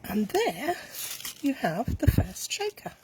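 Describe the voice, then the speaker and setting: A woman, a bit croaky today, chatting her way through a hands-on craft demonstration and correcting herself as she works. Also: on the high side, big pitch swings, takes it slowly, dark tone, a little hiss or hum. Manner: chatty, self-correcting, talks while working with hands. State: slightly croaky voice. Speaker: craft tutorial host. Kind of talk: casual step-by-step craft demonstration.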